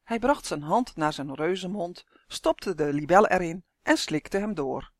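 A reader narrating a children's storybook in a calm, even storytelling manner. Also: medium pitch, measured pace, no room sound, clean studio sound. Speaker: audiobook reader.

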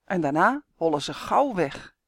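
A woman author reads her own children's story aloud in a clear, expressive storytelling voice. Her voice sits fairly low, and the recording is close and dry. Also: measured pace, dry recording.

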